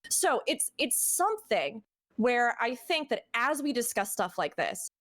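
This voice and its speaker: A woman streamer hosting a podcast, chatty and animated, full of fillers and asides. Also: a little high. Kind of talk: casual podcast discussion.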